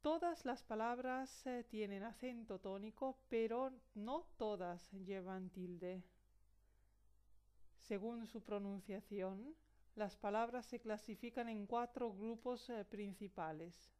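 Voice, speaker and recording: A woman hosting a scripted grammar lesson as a teacher, reading slowly and carefully and spelling out example words. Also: medium pitch, a little mellow, clear, resonant tone. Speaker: Spanish teacher.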